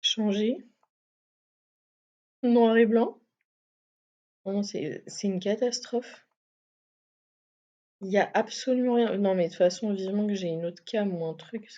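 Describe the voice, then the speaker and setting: A woman's voice: medium pitch, unhurried, long pauses, warm tone. A woman streaming a game live, chatting casually, swearing and laughing at herself. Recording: slightly muffled stream mic.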